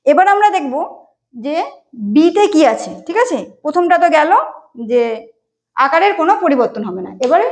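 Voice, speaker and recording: A woman's voice: high-pitched, big pitch swings, normal speed, long pauses. A woman teaching an exam-prep grammar lesson, explaining step by step and spelling words out letter by letter. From Bengal. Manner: explains step by step, often says "ঠিক আছে".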